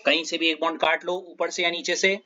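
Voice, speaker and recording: एक आदमी, जो रसायन विज्ञान का शिक्षक है, ऑनलाइन क्लास में कदम दर कदम समझाता है और बार-बार छात्रों से पूछता है कि समझ आया या नहीं।. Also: male voice, on the high side, little pitch movement, quick pace, pushed and bright, highs cut off. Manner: explains step by step, checks students often. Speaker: chemistry teacher. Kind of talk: online class lecture.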